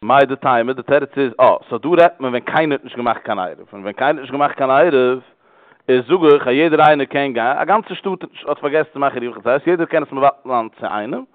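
Male teacher, very fast, repetitive explainer; thin phone-line audio. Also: medium pitch, no room sound. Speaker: religious law teacher. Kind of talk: religious law class.

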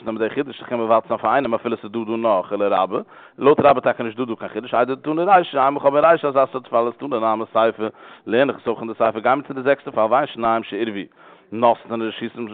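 A man teaching a religious law class, explaining in a rapid, repetitive way. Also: medium pitch, dry recording. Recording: tinny phone-like line.

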